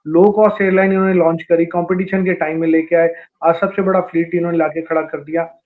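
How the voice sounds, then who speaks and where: Man, veteran pilot, high-ish voice, indignant, tinny phone-line sound. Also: flat delivery, fast talker. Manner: indignant, complaining, listing examples. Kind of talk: interview clip.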